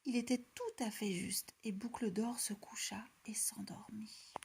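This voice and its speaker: A woman reading a children's story aloud in a soft, hushed, half-whispered voice. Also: medium pitch, fairly even intonation, unhurried, vocal fry, a little hiss or hum.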